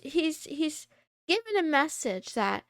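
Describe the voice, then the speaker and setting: A woman's voice run through a voice changer, sitting high and moving at an unhurried pace. She chats casually as a streamer, wandering between thoughts and laughing often. The sound is dry and close, with no room around it. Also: very animated, a bit bright, no room sound. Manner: rambling, self-interrupting, laughs often. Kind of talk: casual chat.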